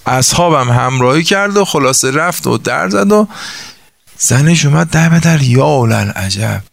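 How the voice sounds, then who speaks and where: A man's voice: fairly high pitch, lively intonation, gravelly, a bit bright, no echo. A man preaching a sermon, telling religious stories and acting out the voices of the people in them, asking his listeners questions as he works through sums. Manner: acts out voices in the stories he tells.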